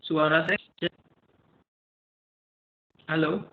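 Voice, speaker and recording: A man's voice: a little high, fairly even intonation, drawn-out words, roomy sound, narrow, tinny audio. A man giving an online lecture, casually checking whether he can be heard, his voice breaking up on a choppy call line. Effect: choppy, breaking-up call audio.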